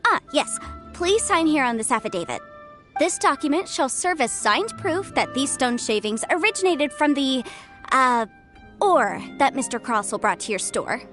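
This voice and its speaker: An actress voicing a clever, confident young legal advisor in a video game, with a crisp and lightly amused manner. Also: female voice, high-pitched, sing-song, moderate pace, a bit bright, faint music behind.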